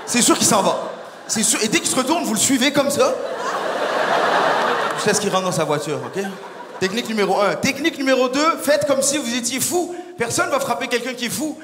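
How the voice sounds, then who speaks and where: A young man doing a stand-up comedy set on stage, animated and acting out little scenes. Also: very high-pitched, brisk, very noisy. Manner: animated, acts out voices and characters. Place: large concert hall on stage. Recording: live hall with long reverb.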